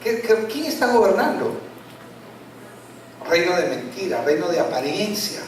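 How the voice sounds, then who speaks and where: High-voiced preaching man, echoey hall. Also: very animated, normal speed, slight background noise. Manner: emphatic preaching, rhetorical questions, drops low on key words. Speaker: pastor. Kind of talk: sermon. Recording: echoey church hall from far off.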